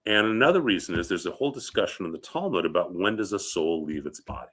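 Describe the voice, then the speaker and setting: Animated and fast, the man speaks in a low voice with a fairly bright tone and a breathy edge. A rabbi with a head cold, he sniffles a little while teaching funeral customs conversationally and often asks quick questions.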